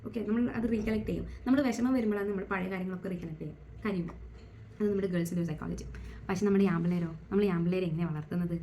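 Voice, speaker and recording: A woman's voice: fairly low pitch, steady tone, very fast, warm tone, slight background noise. A young adult woman hosting a casual talk on psychology, slipping English words into her speech and asking rhetorical questions.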